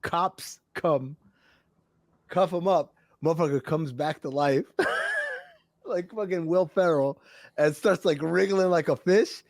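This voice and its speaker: A man's voice: fairly high pitch, huge pitch swings, takes it slowly, long pauses, no echo, clean studio sound. A man co-hosting a podcast, casually telling a crude news story with frequent laughter. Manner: loose storytelling, laughs often, profane. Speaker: podcast co-host. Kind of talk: casual chat.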